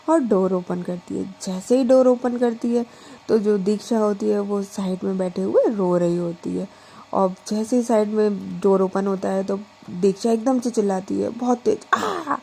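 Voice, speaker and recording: A woman telling a romantic story in an unhurried, conversational way, stressing points by repeating them. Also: mid-range voice, mellow, breathy edge.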